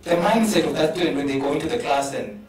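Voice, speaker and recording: A man's voice: a little high, quick pace, a crowd in the background. A man with a South African English accent speaking earnestly on a conference panel, often repeating words as he builds a point. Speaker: panelist, professor. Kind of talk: panel discussion. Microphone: handheld mic. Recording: roomy hall from a distance.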